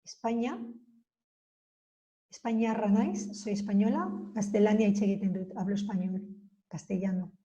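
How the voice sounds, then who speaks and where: A woman teaching a beginner Basque lesson in Spanish, slowly spelling out and repeating example phrases. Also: medium pitch, warm tone, rough recording. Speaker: language teacher.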